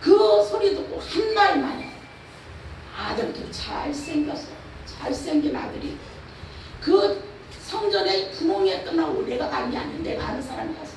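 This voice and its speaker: High, gravelly woman pastor preaching in an echoey hall. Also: sing-song, moderate pace, a little mellow. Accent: Chungcheong Korean. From Chungcheong, Korea. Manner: emphatic preaching with rhetorical questions. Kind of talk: revival sermon. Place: church or prayer house hall. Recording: echoey hall, far from the mic, faint noise.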